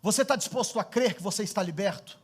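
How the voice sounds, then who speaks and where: A man's voice: sits high, quick pace, breathy edge. A man with a Brazilian Portuguese accent preaching a sermon as pastor, telling a story with animation and building to fervent appeals.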